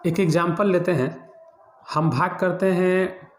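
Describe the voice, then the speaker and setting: A man explains a maths lesson, repeating key points and quizzing his students as he goes. His voice sits a little high. The room around him is echoey. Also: fairly even intonation, a little slow. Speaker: maths teacher.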